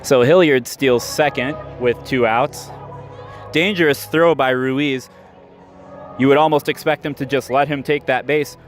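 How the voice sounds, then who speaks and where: An American announcer calls baseball live for radio from an outdoor minor league ballpark, speaking a little slowly in a medium-pitched, fairly even voice. Faint music sits behind him, along with the crowd and ambient noise.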